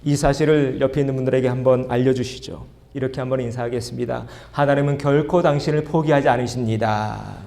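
A man's voice: mid-range voice, fairly even intonation, fast, creaky, few pauses, dark tone. A man preaching a sermon as a pastor in a church, asking the congregation questions and leading them in reading aloud. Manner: asks the congregation questions and leads group reading. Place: church sanctuary.

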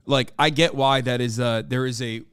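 A blunt, swearing male streamer talks through his opinions in a smooth, resonant voice. The sound is dry and close, with almost no room around it. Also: medium pitch, steady tone, moderate pace, fairly bright tone, no room sound. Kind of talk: casual reaction commentary.

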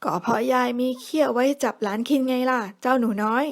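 A woman voicing a sly male wolf who fakes kindness, drawing out his words slowly. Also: a little high, fairly even intonation, no echo, close to an everyday voice. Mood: menacing. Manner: slow, sweet-talking, drawn out.

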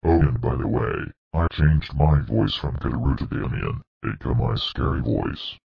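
A synthetic male text-to-speech voice playing a demonic, menacing evil purple dinosaur, gloating and threatening in a slow, deliberate way. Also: extremely low pitch, vocal fry, husky, heavily acted. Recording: dull muffled lo-fi audio.

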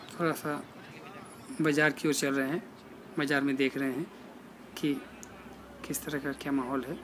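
A man, walking through an outdoor fish market and narrating a casual vlog into a phone held at arm's length, pointing things out in a plain, unhurried way. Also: a little high. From India. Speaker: vlogger. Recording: outdoor street noise and traffic.

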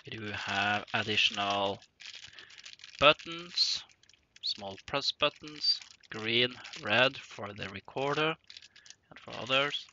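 A man casually narrating an unboxing of simulator parts at his desk, thinking aloud with hesitant pauses. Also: on the low side. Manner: slow, halting, thinking aloud with frequent pauses. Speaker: hobbyist unboxing flight simulator cockpit parts. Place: indoor workshop room at a desk. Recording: dull lo-fi sound with clear rustling and clicking noise.

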